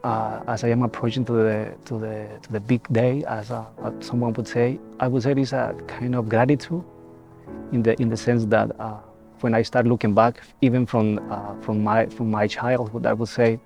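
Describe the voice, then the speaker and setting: A young man from El Salvador gives a reflective personal testimony as a seminarian, speaking haltingly with many repeated words and restarts. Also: medium pitch, flat delivery, gravelly. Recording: soft music behind.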